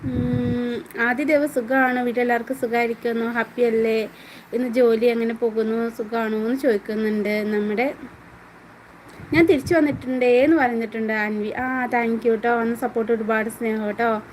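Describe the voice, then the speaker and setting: A woman's voice: a little high, fairly even intonation, moderate pace, darkish tone, slight background noise, low-quality recording. A woman hosting a casual live stream at home, reading viewer comments aloud and answering each viewer by name in a chatty way.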